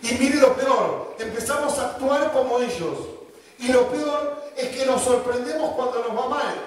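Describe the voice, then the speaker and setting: A man's voice: extremely high pitch, unhurried. A man with a Rioplatense Spanish accent preaching a sermon, joking and mocking as he acts out quoted voices. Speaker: pastor. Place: church hall. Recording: echoey church from a distance.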